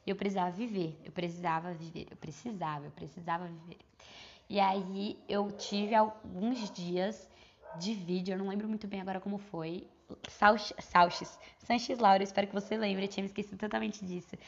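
A woman's voice: mid-range voice, steady tone, normal speed, muffled recording. A young woman from Brazil hosting a personal podcast, telling her story in a rambling, heartfelt way and correcting herself as she goes. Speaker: podcast host.

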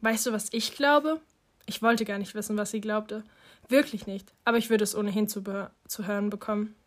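A woman narrating an audiobook in a calm, even manner. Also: medium pitch, a little fast. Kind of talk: audiobook reading.

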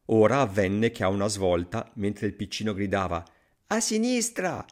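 A man narrating a fairy tale in an expressive storytelling manner. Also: on the low side, normal speed.

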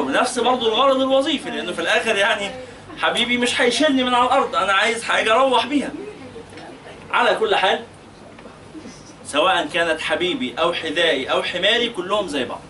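A man's voice: high voice, sharp tone, recorded from a distance. A man with an Egyptian accent teaching a tajweed lesson, questioning his students patiently and stretching out recited words to show the rules. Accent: Egyptian Arabic.

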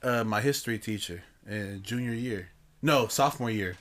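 A man's voice: lowish voice, normal speed, fairly bright tone. A man hosting a podcast in casual chat, with a slight lisp, telling loose, profane, joking stories. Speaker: podcast host.

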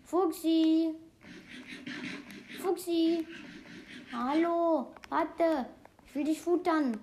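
A woman chatting excitedly while playing a video game, exclaiming often and rambling between facts. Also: high voice, moderate pace, a little hiss or hum. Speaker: game player. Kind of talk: casual gameplay commentary.

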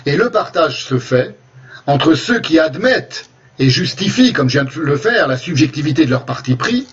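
A man delivering a spoken lecture over slides, deliberate, often restarting his phrases as he goes. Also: a little high, sing-song, breathy edge, far from the mic, lo-fi sound. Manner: deliberate, with frequent restarts and hesitations.

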